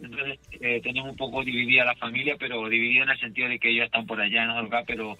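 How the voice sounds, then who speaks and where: Bright-voiced older Chilean pastor, rambling. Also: male voice, mid-range voice, flat delivery, very fast, faint music behind, poor audio. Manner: rambling, self-correcting, devout. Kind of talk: radio interview.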